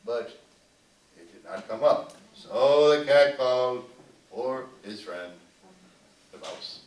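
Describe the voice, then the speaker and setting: At a live arts center show, a puppeteer and storyteller entertains children with dramatic pauses, drawn-out repetition and questions to the audience. His mid-range voice is expressive, picked up by a distant mic in a roomy hall with faint noise.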